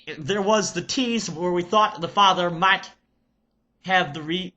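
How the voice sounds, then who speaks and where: A man playing an excitable TV reviewer character with a Serbian accent, exclamatory and halting as he reviews. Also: high voice, heavily acted. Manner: loud, exclamatory, halting with ums. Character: excitable male Nickelodeon reviewer character, the Nutcase.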